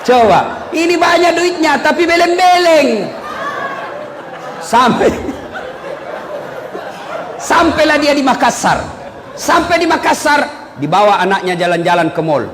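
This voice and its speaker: A man preaching a humorous sermon, telling stories in an animated way and shouting the punchlines. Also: very high voice, a little slow, pauses often, crowd noise. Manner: animated storytelling with loud punchlines. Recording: reverberant hall with faint background noise.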